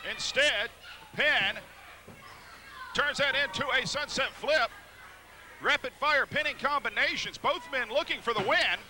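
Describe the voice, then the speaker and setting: A man's voice: very high-pitched, bright, forceful tone. A man doing live play-by-play wrestling commentary in clipped, blow-by-blow phrases. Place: live wrestling event in an arena. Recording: noisy live event sound.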